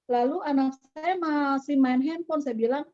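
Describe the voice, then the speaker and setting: Higher-voiced woman telling a church testimony. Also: moderate pace, dark tone. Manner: storytelling that acts out quoted dialogue. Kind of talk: personal testimony. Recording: slightly dull, dry recording.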